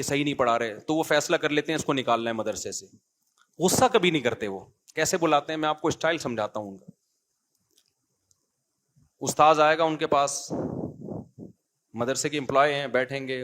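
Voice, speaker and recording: ایک مرد مبلغ جو گفتگو کے انداز میں بیان کرتا ہے۔ وہ کبھی دھیمی آواز میں قصہ سناتا ہے اور کبھی زور دے کر سامعین سے سوال پوچھتا ہے۔. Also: male voice, mid-range voice. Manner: storytelling, swings from quiet asides to emphatic preaching; asks the audience rhetorical questions. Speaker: Islamic preacher. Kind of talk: conversational sermon.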